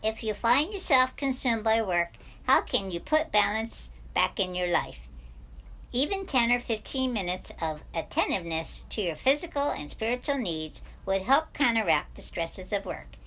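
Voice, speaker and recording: Lady doing a squawky cartoon duck guy, excitable, helium-ish strained voice. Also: medium pitch, normal speed, low-quality recording. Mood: chirpy. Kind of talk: reading a text aloud in a put-on voice.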